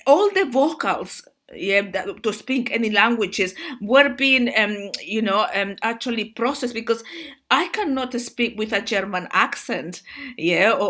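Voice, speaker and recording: A spiritual video host, a woman with a Spanish accent, speaks to her viewers in an excitable, rambling monologue, calling them guys and often restarting her words. Her voice is mid-range.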